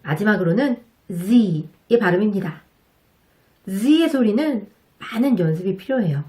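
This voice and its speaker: A woman talking slowly and deliberately as she teaches English pronunciation to Korean learners. Her voice sits in a middle register, and her delivery is patient and polite. She stretches out each example sound so learners can hear it clearly. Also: mid-range voice, expressive, dark tone. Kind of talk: slow, careful instructional narration.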